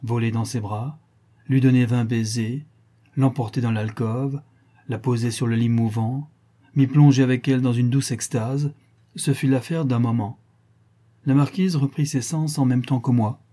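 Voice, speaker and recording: A man narrating a classic novel as an audiobook, with a measured, expressive reading full of pauses. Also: medium pitch.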